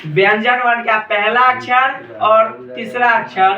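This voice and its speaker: A high-voiced man leads a lively class, calling out questions and echoing the students' replies. He sounds distant in an echoey classroom, with the class audible around him. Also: measured pace, dull audio. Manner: asks the class questions and repeats their answers. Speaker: Hindi grammar teacher. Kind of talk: classroom lecture with call-and-response.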